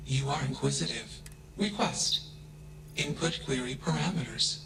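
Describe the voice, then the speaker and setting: A man voicing an emotionless artificial mind in a video game, speaking in flat, clipped statements that each open with a one-word label. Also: mid-range voice, a little slow, close to an everyday voice. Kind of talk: video game character dialogue. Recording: game audio with steady hum behind.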